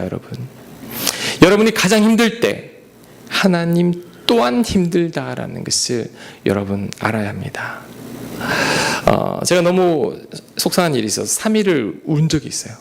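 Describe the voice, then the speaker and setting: A male pastor delivering a sermon earnestly, swinging from loud rises to soft whispered asides. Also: fairly high pitch, vocal fry, slight background noise.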